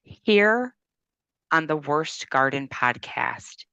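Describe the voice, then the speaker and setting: Woman playing an earnest podcast host, low voice. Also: lively intonation, drawn-out words, pushed and bright, clear, resonant tone, no echo, lo-fi sound, full character voice. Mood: flustered. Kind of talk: improvised comedy podcast.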